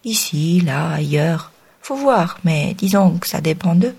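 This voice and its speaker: A woman's voice: on the low side, animated, a little slow, gravelly, darkish tone, husky, heavily acted. A woman reading an audiobook, voicing a drunk old homeless woman with a cavernous, growling voice and coarse, mocking talk. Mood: gruff teasing. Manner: coarse, familiar, teasing.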